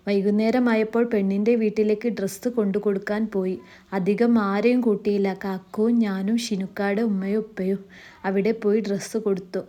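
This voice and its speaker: A woman narrates a first-person love story. Her reading is soft and earnest. The voice sounds mellow and warm. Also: mid-range voice.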